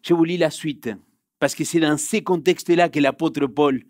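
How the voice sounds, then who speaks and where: A man's voice: fairly high pitch, steady tone, normal speed, dry recording, clean studio sound. Spanish-accented man preaching a sermon. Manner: swings between loud urgent bursts and hushed quiet passages. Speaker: pastor. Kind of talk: sermon with personal story. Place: church hall.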